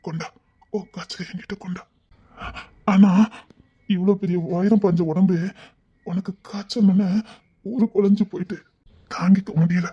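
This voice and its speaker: A woman acts out a lonely, tender-hearted grown man with a Tirunelveli Tamil accent in an emotional drama, tearful and pleading, often sinking to a hush. Her voice sits on the low side, dark and husky. The recording sounds dull and lo-fi.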